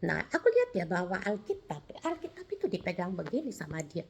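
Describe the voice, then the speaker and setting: A middle-aged woman, giving a personal testimony in an animated, storytelling way, acting out the dialogue and often restarting her sentences. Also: fairly low pitch, a little fast, slightly rough. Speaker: testimony speaker.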